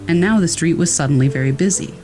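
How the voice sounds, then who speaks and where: A man reading true scary stories aloud in a calm, measured storytelling manner. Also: fairly high pitch, soft background music, poor audio. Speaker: horror story narrator.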